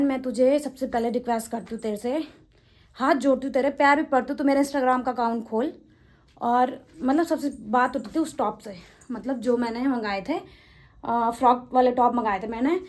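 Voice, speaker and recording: A young adult woman vlogger talking quickly and indignantly, answering her critics directly in a casual rant. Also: sits high, a little mellow.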